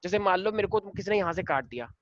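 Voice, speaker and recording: During a classroom lecture, a man switches between Hindi and English, quizzing his students and affectionately calling them his dear children. He talks fast and animatedly in a high, fairly bright voice, captured on a dull, dry, lo-fi recording.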